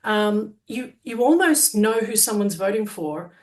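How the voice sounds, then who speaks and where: A woman's voice: mid-range voice, expressive, a little slow. Australian woman, podcast co-host, casual chat, blunt and outspoken, swears freely, mid-range voice. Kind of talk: casual political conversation.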